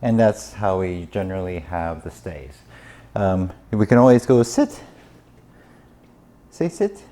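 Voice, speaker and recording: A man's voice: sits low, moderate pace, warm tone. A man working as a dog trainer, patiently explaining training steps to a dog's owner. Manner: patient, instructive.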